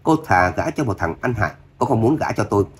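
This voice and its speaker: A man's voice: lowish voice, animated, brisk, slight background noise, natural voice. A man voicing a smarmy young suitor with falsely pitying words in an audiobook.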